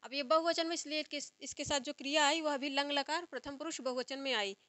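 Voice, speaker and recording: A young woman teaching a grammar lesson for exam preparation, reciting word forms slowly and repeating them as she explains step by step. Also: high-pitched, fairly even intonation, a bit bright, no room sound. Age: young adult. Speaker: Sanskrit teacher. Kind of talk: exam-prep lecture.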